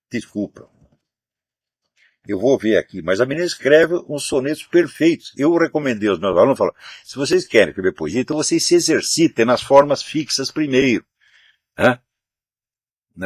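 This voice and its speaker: A man's voice: medium pitch, husky, dry recording, studio quality. An older man from Brazil, host of his own show, talking in a loose, emphatic way, swearing often and ending phrases with a questioning tag. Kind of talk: casual spoken commentary.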